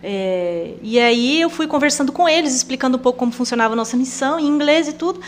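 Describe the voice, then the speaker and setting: Animated woman with an inland São Paulo accent. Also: high voice, fast, a little hiss or hum. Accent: inland São Paulo, rolled caipira R. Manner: animated storyteller, acts out quoted dialogue. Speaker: missionary guest. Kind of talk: podcast interview conversation.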